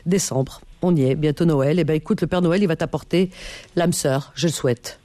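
A woman's voice: low-pitched, moderate pace, mellow, no echo. A woman hosting a call-in radio show, chatting casually and teasing her caller with lots of fillers. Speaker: radio host.

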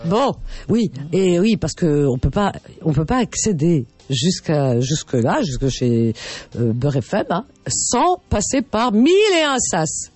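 A woman hosting a radio show in casual, chatty banter, expressive and teasing, punctuating her talk with tag words. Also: sits low, unhurried, husky, soft background music. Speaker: radio host. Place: radio studio.

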